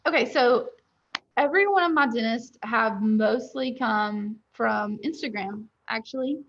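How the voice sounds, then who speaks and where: A young woman talks candidly as a guest in a webinar interview, her voice a little high with a gravelly edge. The sound is dull and lo-fi, as over a video call. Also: a little slow. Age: young adult. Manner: candid, chatty, laughs easily. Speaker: dental lab owner and guest.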